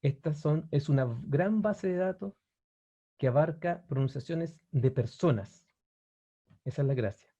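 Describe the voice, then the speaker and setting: A male language teacher presents an online webinar on language-learning websites, explaining at an easy pace with many fillers and restarts and frequently checking in with viewers. His voice is fairly high, a little slow and mellow, with lo-fi sound.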